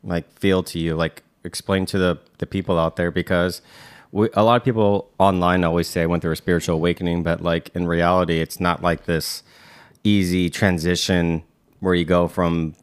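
A man's voice: low voice, little pitch movement, moderate pace, clear, resonant tone. A man in his thirties co-hosting a casual chat, rambling with many fillers and restarts. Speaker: podcast co-host.

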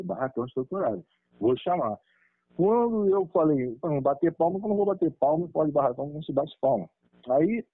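A middle-aged man tells a personal spiritual story, lively, chuckling and acting out the dialogue. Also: mid-range voice, no echo. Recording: tinny dry phone-like line.

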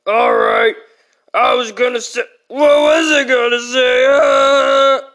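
Woman doing a loud doddering old grandpa pig. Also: high voice, fairly even intonation, heavily acted. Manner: loud, slow and forgetful.

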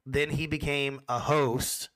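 Bright, crisp-voiced man, hesitant. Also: medium pitch, level tone, slow, no echo. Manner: hesitant, repeats words when starting. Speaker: amateur esports caster. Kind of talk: casual interview answers.

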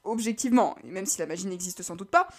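A woman's voice: mid-range voice, animated, fast talker, close to an everyday voice. A woman reading aloud and voicing a pedantic young woman who lectures precisely. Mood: lecturing.

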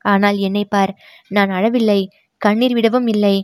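A woman's voice: mid-range voice, fairly even intonation, moderate pace, a little mellow, no room sound, natural voice. Woman reading a stern, proud royal princess for an audiobook, dry close sound. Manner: stern, reproachful.

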